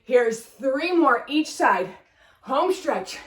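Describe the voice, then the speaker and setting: A woman's voice: high voice, animated, drawn-out words, roomy sound, recorded from a distance. A woman fitness instructor leading a workout class, upbeat as she counts reps and cues form while exercising along.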